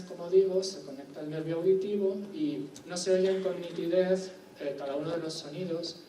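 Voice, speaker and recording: A man's voice: a little high, warm tone, slight background noise. A man giving a university lecture, explaining step by step and checking in with rhetorical questions. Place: lecture hall. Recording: echoey room from far off, faint ambience.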